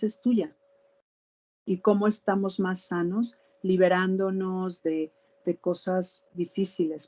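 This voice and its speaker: Woman, Mexican accent, workshop facilitator, candid conversational talk, low mellow voice. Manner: candid, conversational, self-disclosing.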